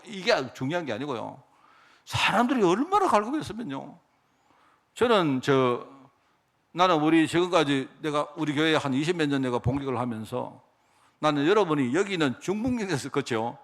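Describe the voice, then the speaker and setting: Middle-aged male preacher, fairly high voice with a wide, expressive range, emotional, folksy sermon that keeps asking for agreement. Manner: emotional, conversational, asks the congregation for agreement. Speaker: pastor.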